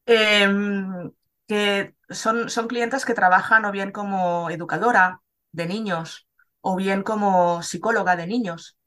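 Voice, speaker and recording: Explaining woman guest, mid pitch. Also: steady tone, slow pace, a bit bright. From Spain. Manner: explanatory, checks in often with "¿vale?". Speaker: dog trainer, guest. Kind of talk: casual chat.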